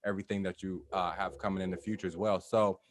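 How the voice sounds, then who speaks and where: A man's voice: sits low, flat delivery, fast talker. A man hosting a live talk show, introducing guests in a loose, upbeat way with casual slang. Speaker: host.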